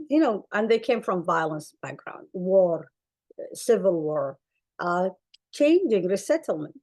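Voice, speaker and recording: Her voice is mid-range with a darkish tone: an earnest Somali woman, Arabic-speaking by birth, presenting as a clinician at a conference with slides. She is emphatic and repeats phrases for stress.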